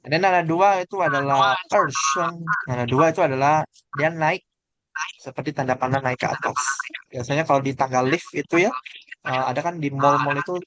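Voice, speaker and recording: A man's voice: a little high, brisk, a bit bright, dry recording. Man teaching Mandarin tones to a class. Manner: explains patiently, asks the class questions, demonstrates tones.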